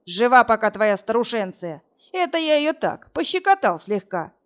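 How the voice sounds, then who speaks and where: A woman's voice: on the high side, sing-song, normal speed, lo-fi sound. A woman reading an audiobook, voicing a cruel, greedy young man who gloats and sneers over his victims. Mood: sneering.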